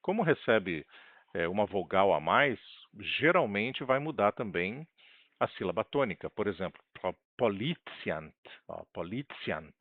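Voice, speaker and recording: A man from Brazil teaching a language lesson, explaining step by step, asking and answering his own questions, and reading example phrases slowly. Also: fairly low pitch, sing-song, dry recording. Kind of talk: screen-share language lesson. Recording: dry, tinny phone-like sound.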